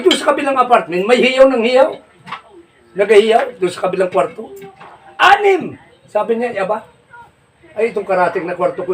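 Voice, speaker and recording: A man telling jokes in a folksy, rambling way, laughing at his own punchlines and shouting them out. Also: high voice. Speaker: comedy joke teller. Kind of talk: casual joke telling. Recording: distant mic with faint noise.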